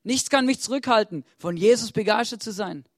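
A high-pitched man speaking a little fast preaches from a church stage, pressing the congregation with questions and frequently starting lines with "hey." The sound is clean and studio-like with no room echo, while gentle guitar plays in the background.

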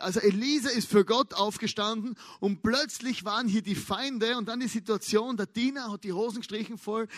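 Animated male preacher, high voice. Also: dry recording, studio quality. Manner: animated and colloquial, acts out quotes, asks "oder?" often. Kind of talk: casual sermon with storytelling.

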